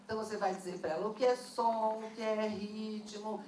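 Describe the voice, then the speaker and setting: A woman's voice: medium pitch, moderate pace. A woman, leading a workshop for teachers and firing questions at the audience. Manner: lively, asks the audience questions. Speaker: teacher trainer. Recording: roomy, distant mic, noisy room.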